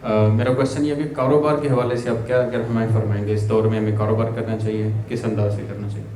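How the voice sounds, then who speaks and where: A man's voice: on the low side, level tone, dark tone, a little hiss or hum. A man in the audience asking a formal, respectful question at a live talk. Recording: echoey hall with faint ambience.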